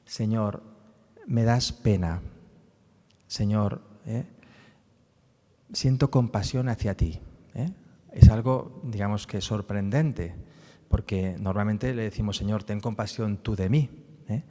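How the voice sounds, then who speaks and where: Low mellow man in a reverberant church. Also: takes it slowly, pauses often. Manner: explanatory, frequent tag questions. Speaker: speaker presenting a book on the psalms. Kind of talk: public talk on scripture.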